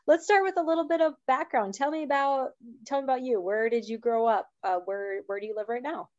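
A woman with a high voice hosts a parenting podcast, interviewing guests with friendly questions and small restarts. She speaks briskly, and the recording is dry, dull, and lo-fi.

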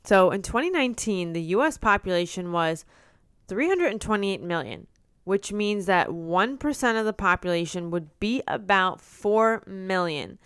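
Podcast cohost lady, smooth clear voice, dry sarcastic delivery, mic right up close no room sound. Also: mid-range voice, normal speed, no room sound. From United States. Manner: wry, deadpan sarcasm, laughs often. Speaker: podcast co-host. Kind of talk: casual podcast chat.

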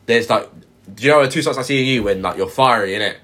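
A man's voice: medium pitch, quick pace, sharp tone. A man co-hosting a podcast, chatting casually in street slang and often repeating himself. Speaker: podcast co-host.

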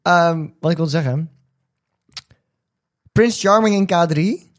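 A woman's voice: lowish voice, slow pace. A woman co-hosting a casual chat podcast, mostly giving short reactive replies and laughing along. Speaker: podcast co-host.

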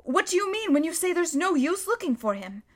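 A woman's voice: very high-pitched, big pitch swings, fairly quick, voice pushed up. A woman doing an upset, pleading older girl. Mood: distressed.

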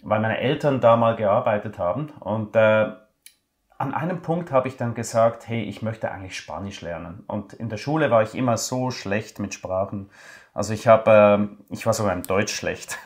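A man's voice: fairly low pitch, normal speed. Man in his forties, hesitant storyteller. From Switzerland. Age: 40s. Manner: hesitant, many fillers, relaxed storytelling. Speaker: guest, finance blogger. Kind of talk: podcast interview.

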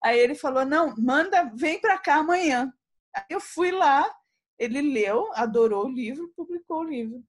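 A woman's voice: high voice, lively intonation, normal speed. A woman, a poet telling stories as an interview guest, acting out dialogue with frequent laughter. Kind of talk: animated storytelling in an interview.

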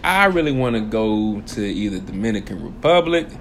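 Young man, casual podcast chat, very lively pitch, laughs a lot, faint hiss. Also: moderate pace. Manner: animated, laughs often, jumps into high exclaims. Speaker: podcast co-host.

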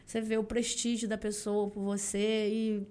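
A young woman from Brazil, a singer guesting on a podcast, telling a story in a casual, animated way and acting out the voices of the people she quotes. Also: medium pitch, moderate pace.

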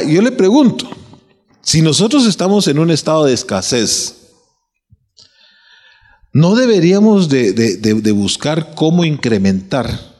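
A man preaching. His voice sits fairly high and swings widely in pitch as he fires questions at the congregation and doubles back on his words. The sound carries a long reverb, as if caught in a large church hall. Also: a little mellow, slightly rough. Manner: preaching with rhetorical questions and repeated restarts. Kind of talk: sermon.

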